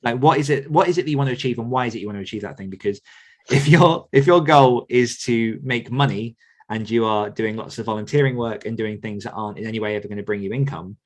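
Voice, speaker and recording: Speaking quickly at a medium pitch, a man answers questions conversationally in his role as an author coach. Earnest and reflective, he keeps returning to rephrase his points.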